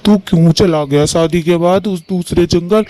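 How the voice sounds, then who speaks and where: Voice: mid-range voice, moderate pace, warm tone, close to an everyday voice. A performer doing an old grumbling bird father. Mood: complaining. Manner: complaining, rustic village speech.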